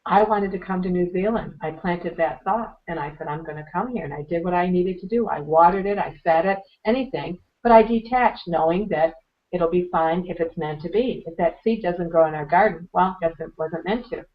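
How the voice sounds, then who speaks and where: A woman with a hoarse, fading voice, speaking as an interview guest and giving earnest, motivational advice about meditation. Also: on the low side, normal speed, highs cut off. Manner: earnest, motivational, frequent throat-clearing. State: hoarse, losing her voice.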